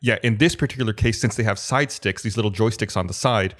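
Low-voiced man explaining a case methodically. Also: fast talker. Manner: methodical, explanatory, steady retelling. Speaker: podcast co-host presenting the case. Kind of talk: casual podcast chat, narrating an aviation accident.

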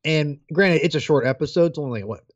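A man's voice: a little high, quick pace, muffled recording. A man co-hosting a casual chat podcast, laying out the plan and giving opinions in an easygoing way. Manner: organizing, talks through while chewing gummies. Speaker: podcast co-host.

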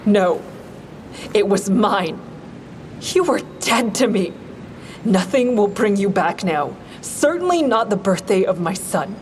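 In a full-cast audio drama, an actress plays a bitter, grieving mother who is cold and unforgiving toward her ex-husband, alternating first-person narration and dialogue. Her mid-range voice is animated, angry and scornful, with intense, deliberate delivery, while clearly noisy outdoor traffic fills the background.

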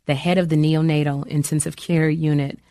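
A woman's voice: low-pitched, little pitch movement, a little fast, dark tone, no room sound. A middle-aged woman speaking candidly and emotionally about faith, bringing her stories to life with quoted voices. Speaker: guest.

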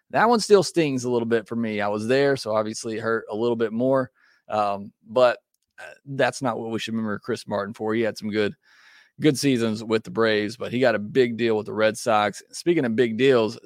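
A man's voice: mid-range voice, no room sound. Man, sports podcast host, chatty and opinionated, dry close recording. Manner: conversational, opinionated, many fillers. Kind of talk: casual sports talk.

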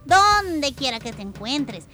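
Bright-voiced woman hosting a children's show. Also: sits high, slow pace, soft background music. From El Salvador. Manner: warm, lively, speaks directly to children. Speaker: children's radio show co-host.

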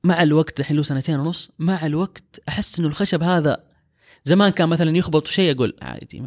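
A man's voice: on the high side, very fast. A man with a Saudi accent, an oud player, talking reflectively in a casual discussion. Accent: Saudi Arabic.

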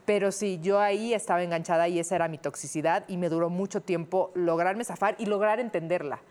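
A woman's voice: on the low side, steady tone, fairly quick, a little mellow. A woman in a casual chat, candidly reflecting on her own experience. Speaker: podcast co-host.

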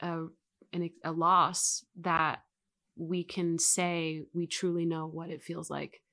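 A woman's voice: low voice, flat delivery, slow, pushed and bright. A woman hosting a podcast interview, asking questions casually and searching for her words. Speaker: podcast host.

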